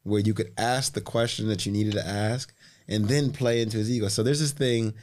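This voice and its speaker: A man's voice: fairly low pitch, fairly even intonation, a little fast, a little mellow. A man as podcast guest, talking emphatically with repeated phrases and casual swearing. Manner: emphatic, repetitive, swears freely, acts out quotes. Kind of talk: casual conversation.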